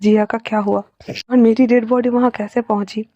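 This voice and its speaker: A woman's voice: fairly high pitch, level tone, fairly quick, dark tone, no echo, highs cut off, lightly acted. Frightened defiant young man, as a woman reads him. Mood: upset.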